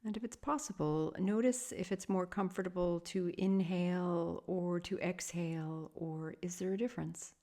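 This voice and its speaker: Leading a guided meditation, a woman who teaches yoga uses a soft, soothing, somewhat low voice with a steady tone. She delivers measured phrases and lets long silences fall between them.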